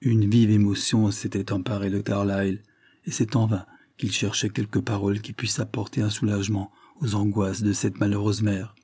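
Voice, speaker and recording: A man narrating a classic novel in a steady, expressive way. His voice is low and dark, with a husky grain, recorded on a close mic in a dry space. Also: moderate pace, dry recording. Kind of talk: audiobook narration.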